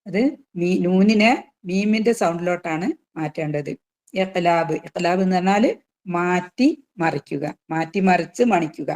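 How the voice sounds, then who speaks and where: A woman teaching a tajweed class, patiently explaining rules and asking students questions, drawing out recited examples slowly. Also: lowish voice, a little mellow.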